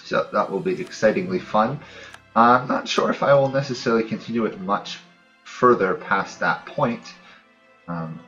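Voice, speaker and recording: The host of a gaming let's play muses aloud hesitantly, his casual, unscripted commentary full of trailing thoughts. He speaks at a moderate pace in a fairly low-pitched, fairly bright voice. Background music plays behind a dull lo-fi mic.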